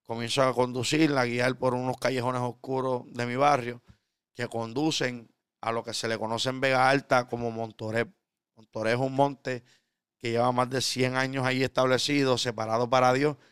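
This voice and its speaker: A man in his thirties with a Puerto Rican accent, a preacher telling his conversion story earnestly and sometimes dropping to a hush. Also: mid-range voice, little pitch movement, normal speed, smooth, dry recording, studio quality. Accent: Puerto Rican Spanish. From Puerto Rico. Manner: earnest storytelling, drops to a hushed tone for intimate moments. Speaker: preacher guest. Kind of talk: conversational testimony.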